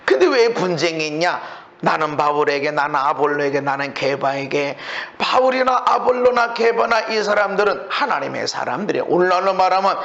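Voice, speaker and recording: A male pastor preaching a sermon, pushing up to near-shouts for emphasis and dropping low at the ends of phrases. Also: expressive, fairly quick, gravelly, muffled recording.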